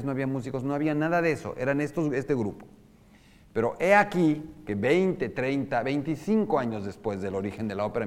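A man's voice: medium pitch, darkish tone. Mexican man lecturing in an echoing hall. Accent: Mexican Spanish. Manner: explains with sung and spoken examples, asks the audience questions. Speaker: lecturer on opera. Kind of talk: informal lecture to a live group. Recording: long hall reverb.

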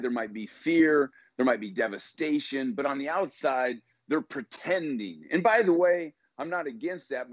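A middle-aged man, a former baseball pitcher, telling a story as a podcast guest with emphatic, motivational delivery and repeated words when excited. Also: no echo. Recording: dull lo-fi sound, dry.

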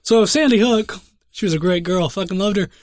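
Young man, podcast co-host, profane rambling storyteller, high pitch, dry close mic. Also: brisk, dry recording. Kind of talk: casual crude chat.

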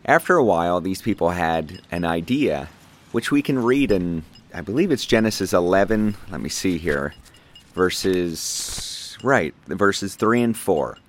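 A low, animated friendly dad. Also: male voice, measured pace, slight background noise. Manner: friendly, informative. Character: friendly family man and friend. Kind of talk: radio drama acting.

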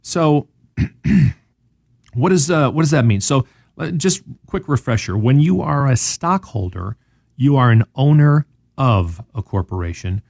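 Southern male host, warm low-key tone, dry close mic, sarcastic money explainer. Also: a little slow, creaky, no room sound. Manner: animated, sarcastic, explains with rhetorical questions. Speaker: radio show host. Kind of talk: casual financial talk.

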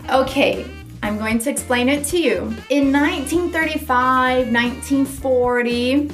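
Brazilian lady english teacher, slow careful talk, laughs a lot. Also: high-pitched, faint music behind. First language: Portuguese. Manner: cheerful, laughs often, repeats words slowly. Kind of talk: bilingual pronunciation lesson.

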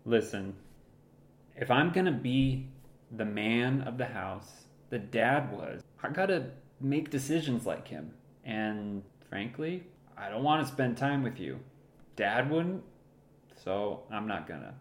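A man's voice: mid-range voice, very animated, echoey room. A man playing a teenage boy trying to act tough as the man of the house, in an improvised comedy. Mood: earnest. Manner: slow cocky tough-guy talk, mock Boston swagger.

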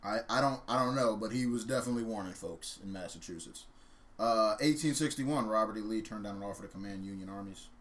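A man's voice: lowish voice, quick pace, a bit bright. A man co-hosting a casual talk show, laid-back as he reads out historical dates.

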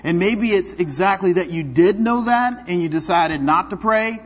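A man's voice: high voice, normal speed, husky. A man preaching a sermon as pastor, talking in a conversational, self-deprecating way with playful asides to the congregation. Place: church sanctuary. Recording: dull, long-reverb hall recording.

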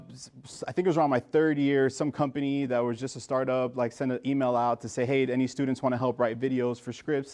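A man's voice: mid-range voice, a little mellow. Man, 30s, from the US, pharmacist guest speaker, informal and chatty with a room of students, plenty of fillers. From United States. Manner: informal, many fillers and restarts. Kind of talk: casual talk to students. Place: lecture room.

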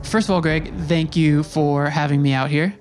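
A woman's voice: low-pitched, fairly even intonation, moderate pace, over music. A woman speaking casually and informally as a podcast host.

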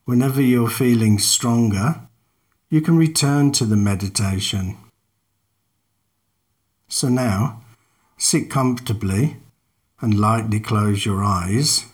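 A man narrating a guided meditation in a calm, measured, unhurried manner, leaving long pauses between instructions. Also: lowish voice.

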